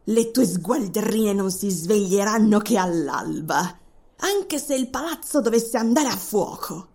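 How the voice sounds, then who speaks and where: A woman's voice: medium pitch, lively intonation, gravelly, dark tone, heavily acted. A woman voicing Salomè, a mocking witch. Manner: sarcastic, mocking, slow and gloating. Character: cruel scheming young witch woman, twin sister. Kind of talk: audiobook voice acting.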